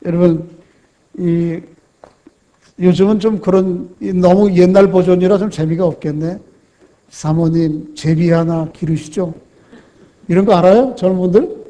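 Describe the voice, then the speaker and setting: A middle-aged male pastor delivers a church sermon in a fairly high voice. He talks to his congregation like a conversation, throwing out rhetorical questions. His delivery swings between emphatic bursts and hushed asides. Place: church sanctuary.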